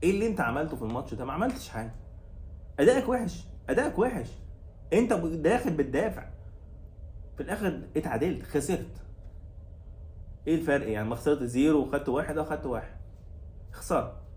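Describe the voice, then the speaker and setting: A man's voice: a little high, expressive, quick pace, long pauses, darkish tone, echoey room, a little hiss or hum. A man with an Egyptian Arabic accent hosting his own football channel, delivering a heated, sarcastic rant that repeats its complaints and scolds the coach. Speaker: football commentator and channel host. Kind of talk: angry fan rant about a match.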